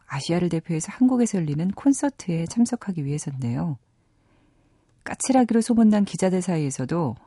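Close-miked in the studio, a thirtysomething South Korean woman presents a radio show about movies, alternating between scripted narration and casual chat. Her low voice is warm and slightly rough, and the recording is dry.

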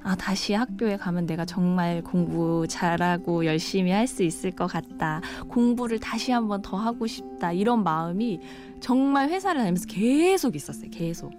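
A woman's voice: lowish voice, expressive, moderate pace, few pauses, music in the background. A woman in her thirties, a tourist train attendant, answering an interview in an earnest, reflective way.

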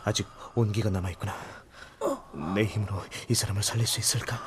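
A man's voice: lowish voice, level tone, fast, noisy background, natural voice. Man acting an earnest, brooding wandering wizard. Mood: troubled awe. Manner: earnest, formal, dramatic. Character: brooding, grieving male wizard wanderer, quick to fury. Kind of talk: radio drama acting.

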